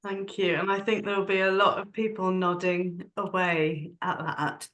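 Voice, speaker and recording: A woman's voice: lowish voice, level tone, unhurried, fairly bright tone. A woman hosting a book club discussion, asking reflective, earnest questions. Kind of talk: moderating a discussion.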